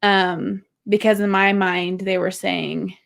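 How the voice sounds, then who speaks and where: A woman's voice: medium pitch, fairly even intonation, slow pace, creaky. A young adult woman hosting a marriage course, talking candidly and conversationally and sharing personal stories. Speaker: podcast host and marriage course teacher. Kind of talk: casual teaching talk.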